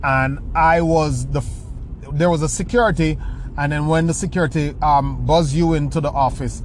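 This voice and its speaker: This man, a motivational speaker with a rural Jamaican accent, answers a question through storytelling, his fairly high voice steady in tone and moderate in pace. He frequently restarts and repeats words. The recording is low quality, with a little hiss or hum.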